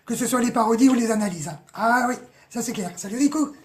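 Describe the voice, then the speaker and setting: A woman with a hoarse, rather high voice talks fast on a casual live stream, analysing song lyrics. She's mocking and chatty, full of slang and swearing.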